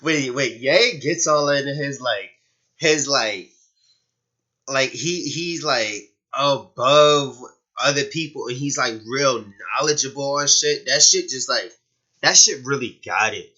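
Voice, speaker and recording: A man's voice: mid-range voice, takes it slowly, sharp tone, highs cut off. A male streamer reacting to a clip in casual, slangy talk, stammering and laughing often.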